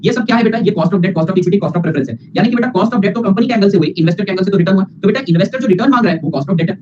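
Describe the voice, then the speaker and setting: A male teacher giving a lively lecture, mixing Hindi and English and acting out students' replies. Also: high-pitched. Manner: fast, playful, mixes Hindi and English, acts out students. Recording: lo-fi with background hiss.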